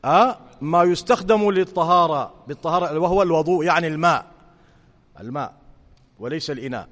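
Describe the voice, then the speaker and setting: Sheikh teaching a class, high voice, checks in with students often, long hall echo. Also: male voice, animated, fairly quick, a bit bright. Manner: questioning students, checking understanding. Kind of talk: religious lesson explaining to students.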